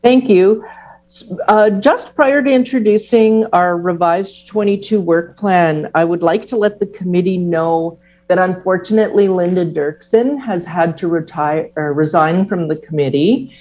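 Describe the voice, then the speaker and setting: A woman's voice: on the low side, measured pace, a little mellow, low-quality recording. A woman making a formal announcement to a committee. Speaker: committee meeting presenter.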